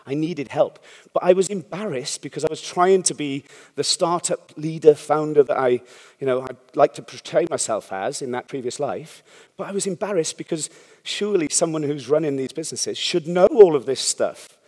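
On the high side yet darkish in tone, this founder's voice moves at a moderate pace. He rambles frankly through his conference talk, dropping casual swears and asking "yeah?" to check in with listeners. The conference hall gives it a long reverb.

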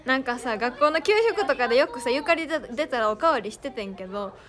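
A woman's voice: high-pitched, fast talker, fairly bright tone. A young woman with a Kansai accent, chatting casually on a live stream, giggling often as she thanks fans and reads their comments. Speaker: idol streamer.

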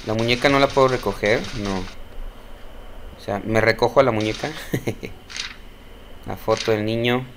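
A man's voice: fairly low pitch, fairly even intonation, unhurried, pauses often, a bit bright, slight background noise. A young man with a Mexican Spanish accent playing a horror game on stream, cursing often, jumping at scares and talking back to the game's characters. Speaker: gameplay streamer. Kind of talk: horror gameplay commentary.

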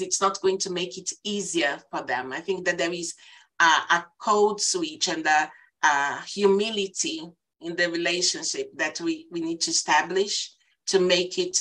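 Lower-voiced woman. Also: fairly bright tone, low-quality recording. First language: Portuguese. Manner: thoughtful, hesitant, frequent restarts. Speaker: panelist. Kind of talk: panel discussion on a video call. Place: small room indoors. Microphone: laptop webcam mic, video call.

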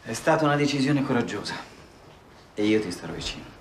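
A man's voice: mid-range voice, expressive, a little fast, slight background noise, natural voice. Actor as a resolute soap businessman. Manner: earnest, resolute. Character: determined businessman reclaiming the family firm. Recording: roomy, with music underscore.

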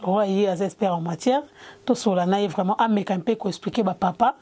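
Mellow-voiced young woman interviewer. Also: mid-range voice, fairly quick. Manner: mixes Lingala and French, brief assents. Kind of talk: hosting an interview. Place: clothing shop, indoors. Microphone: handheld mic with windscreen.

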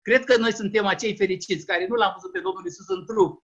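Man with a Romanian accent, lay preacher, earnest and deliberate, dull video-call audio. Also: high-pitched, fairly even intonation, a bit bright, husky. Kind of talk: Easter sermon over video call.

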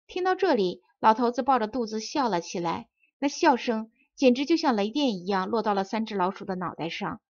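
A woman's voice: on the high side, animated, fairly quick, few pauses, no room sound. Woman narrating a children's fairy tale. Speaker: audiobook narrator. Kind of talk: storybook narration. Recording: dull dry audiobook recording.

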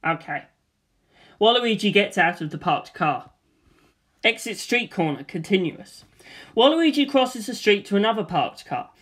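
A deadpan narrator reads a scripted screenplay aloud. The voice sits at a middle pitch and delivers scene headings and actions plainly. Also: normal speed.

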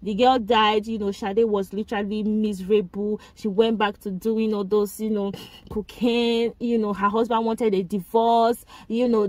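A woman's voice: fairly high pitch, dry recording. A woman, chatting casually as she reviews a movie, laughing often and asking viewers questions.

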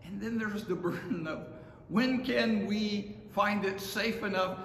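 A man in his sixties, a pastor giving a measured, deliberate sermon from the pulpit of a large empty sanctuary, recorded by a camera at a distance. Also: high voice, creaky, a bit bright. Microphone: far camera. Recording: echoey hall, faint room hum.

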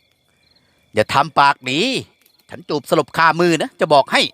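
A man voicing a rough, menacing male kidnapper who threatens slowly and quietly. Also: big pitch swings, no echo, exaggerated voice. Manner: slow, low-voiced threats.

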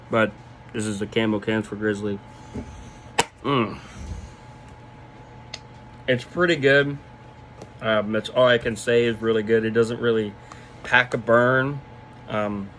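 A man in his twenties giving a casual, halting, laid-back product review while talking with a lip full of dip. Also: medium pitch, a bit bright, slight background noise. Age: 20s. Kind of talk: casual vlog review, off the cuff. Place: small room indoors. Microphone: phone at arm's length.

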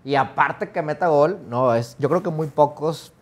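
A man's voice: a little high, unhurried. A man with a Mexican accent hosting an interview, asking questions in a casual, slangy way. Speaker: interview host.

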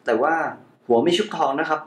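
A man's voice: on the high side, a little fast. A young man giving a casual unboxing commentary as a tech reviewer, chatty and joking about his own mispronunciations. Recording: echoey room.

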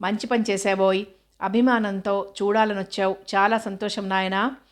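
A woman's voice: mid-range voice, level tone, moderate pace, natural voice. A woman reading as a kindly old schoolteacher. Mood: pleased. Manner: warm, welcoming. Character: elderly retired teacher father, kindly.

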